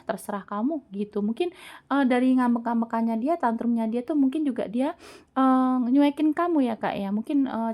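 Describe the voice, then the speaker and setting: Casting: female tarot reader, teasing and talkative, warm higher voice. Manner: chatty, teasing, laughs often. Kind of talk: casual tarot reading to viewers.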